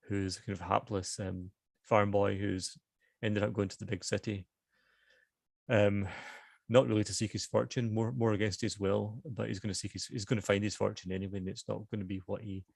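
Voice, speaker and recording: A man's voice: on the low side, vocal fry, a little mellow, dry recording. A middle-aged man with a Glasgow Scottish accent, a novelist who talks hesitantly about his book and reads from it. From Scotland. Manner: hesitant, with many fillers and restarts in chat. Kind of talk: author reading and book talk.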